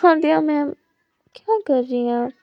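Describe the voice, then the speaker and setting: A woman's voice: high voice, moderate pace, dry recording. A woman voicing a shy young woman student who protests and pleads bashfully, in a dull lo-fi recording.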